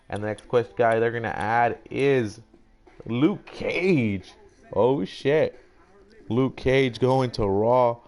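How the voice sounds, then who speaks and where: Playing a pretend announcer for a video game draft, this young male YouTuber rambles casually and occasionally curses. His voice sits in the middle range with a somewhat dark tone.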